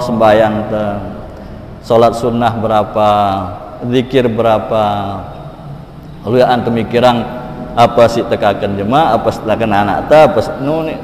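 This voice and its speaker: A man giving an emotive sermon, swinging between loud exhortation and hushed pleading. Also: on the low side, a little hiss or hum. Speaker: preacher. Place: mosque hall. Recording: roomy echoing hall, faint ambience.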